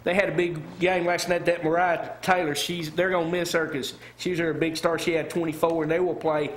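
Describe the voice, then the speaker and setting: A man's voice: fairly high pitch, flat delivery, a little fast. A man, giving the local sports report on a morning talk show, upbeat and rattling off scores and sponsors. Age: 50s.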